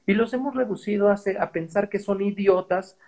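Man, Mexican accent, husky breathy voice, casual slangy storytelling, swears freely, keeps saying "¿sabes?". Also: sits high, brisk, darkish tone, poor audio. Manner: profane, slangy, peppers speech with "¿sabes?". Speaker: podcast guest.

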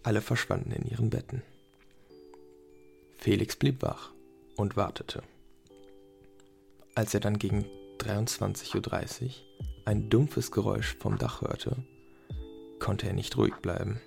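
A man reading a story aloud in a plain, even narrating manner. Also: on the low side, measured pace, gravelly, pauses often, soft background music.

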